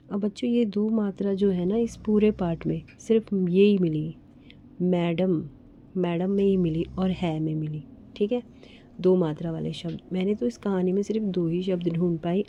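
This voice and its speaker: A woman teacher walks children through a worksheet at an unhurried pace, sounding out each word and repeating it. Her voice is dark and mellow. The recording sounds a little dull and lo-fi. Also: mid-range voice. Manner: slow, patient, spells out sounds and repeats words. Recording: slightly dull, lo-fi audio.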